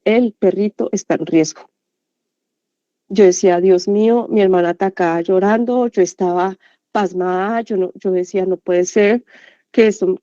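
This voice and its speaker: A woman tells her prayer group a personal testimony in a mellow, warm voice, pausing and restarting as she goes. The sound is close and dry. The recording is dull and lo-fi. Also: medium pitch, no echo. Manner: earnest storytelling with many fillers and restarts.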